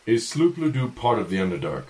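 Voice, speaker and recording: A man's voice: medium pitch, sing-song, brisk, a little mellow. A man playing a tabletop role-playing game, switching between casual chat and speaking in character.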